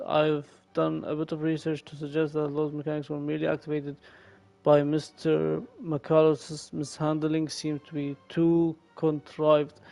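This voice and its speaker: A male streamer reading game story text aloud, haltingly and with frequent self-corrections. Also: on the high side, gravelly, dark tone.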